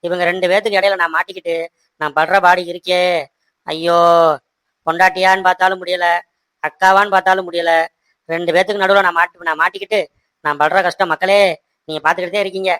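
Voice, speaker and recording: A man's voice: high-pitched, little pitch movement, fast talker, pauses often, sharp tone, no echo. Man voicing a harried, placating cartoon husband. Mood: exasperated. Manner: soothing, placating, talks to the audience. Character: harried young husband, stuck between wife and sisters. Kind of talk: cartoon voice acting.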